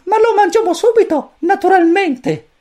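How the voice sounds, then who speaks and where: A woman voicing a tiny, fussy male cosmic chick who commands a spaceship, squeaky, stern and lecturing, in a storybook reading. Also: lively intonation, moderate pace, darkish tone. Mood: triumphant.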